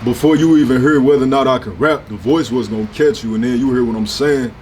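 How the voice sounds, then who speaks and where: Brash young St. rapper talking. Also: male voice, medium pitch, fast talker, darkish tone, slight background noise. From St. Louis, USA. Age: 20s. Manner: brash, profane, slangy. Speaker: rapper, interview guest. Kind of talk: casual sit-down interview talk.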